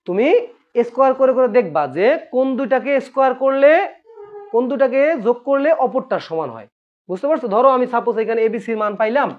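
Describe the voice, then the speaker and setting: Man, math teacher, patient, repeats questions, classroom, muffled lo-fi sound. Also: very high-pitched. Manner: patient, asks students questions and repeats points. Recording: dull lo-fi recording.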